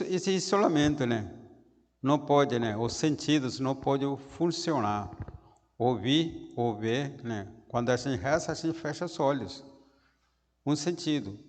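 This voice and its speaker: A priest giving a daily homily in simple, halting phrases, often tagging lines with a questioning "né?"; Portuguese is not his first language. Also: mid-range voice, in a large hall. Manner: halting, frequent "né?" tags, simple broken phrasing.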